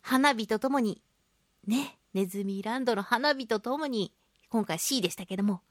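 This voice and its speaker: A woman with a fairly high voice hosts a radio show, speaking at a moderate pace and telling stories in a casual, animated way while acting out quoted remarks. She is a radio host and voice actress, and the clean studio recording has no echo.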